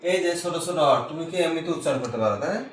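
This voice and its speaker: A male teacher giving a basic grammar lesson to a child, speaking slowly and patiently and spelling words out letter by letter. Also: fairly high pitch, lively intonation. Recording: echoey room, voice from far off.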